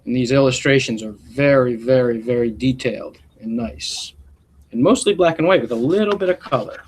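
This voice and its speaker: This man's voice sits at medium pitch with a breathy edge. He reads a picture book to schoolchildren like a principal, telling the story in an expressive, deliberate way and adding brief asides.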